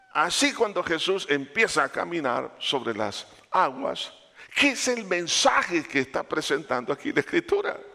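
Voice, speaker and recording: A man delivers a sermon with a bright, ringing voice. His pitch swings widely, climbing for emphasis and falling low and quiet, and he calls his listeners brother. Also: vocal fry. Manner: animated, rising for emphasis then dropping low. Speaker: preacher.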